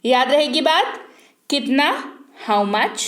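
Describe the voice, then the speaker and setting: A woman teaching an online English speaking class, reading each phrase slowly and repeating it twice for learners to copy. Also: high-pitched, a bit bright, reverberant. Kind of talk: spoken English lesson.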